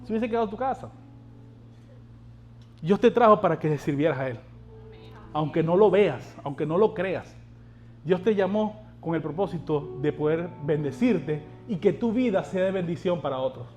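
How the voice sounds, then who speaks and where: A man with a notably high voice preaches to his congregation, pressing them with questions and calls to act. Faint instrumental music plays softly behind him. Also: expressive, normal speed. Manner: exhorting, asks the congregation rhetorical questions. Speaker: pastor. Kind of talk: sermon.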